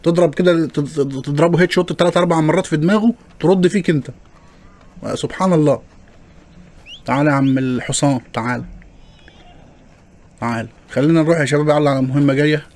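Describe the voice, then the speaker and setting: A man's voice: fairly high pitch, racing, darkish tone. A man with an Egyptian Arabic accent giving joking, chatty gameplay commentary and complaining to his viewers as he plays. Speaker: gaming channel host.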